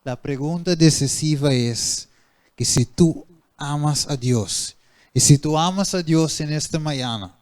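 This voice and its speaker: A man's voice: a little high, measured pace, darkish tone. A male preacher giving a sermon who keeps asking the congregation questions and then answering them himself.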